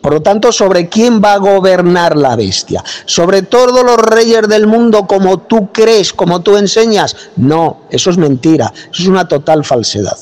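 A man from preaching in a forceful, scolding way, speaking with authority into a phone. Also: sits high, expressive, normal speed, hardly any pauses, big-room sound. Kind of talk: combative preaching monologue. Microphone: phone mic.

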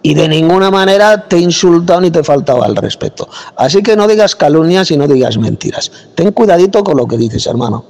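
Spanish guy preaching hard into his phone, kinda high voice, scolds a lot. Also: expressive, brisk, big-room sound. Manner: forceful, scolding, speaks with authority. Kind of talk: combative preaching monologue. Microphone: phone mic.

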